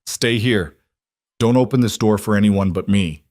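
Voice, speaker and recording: A man's voice: fairly low pitch, normal speed, a little mellow, no echo, clean studio sound, lightly acted. A man doing a hard, commanding crime boss.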